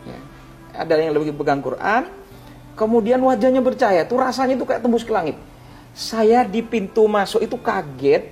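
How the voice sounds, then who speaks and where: A man, a religious teacher, recounting a near-death experience in an interview, his voice swinging between hushed and loud, pleading tones. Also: sits high. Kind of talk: emotional personal storytelling in an interview.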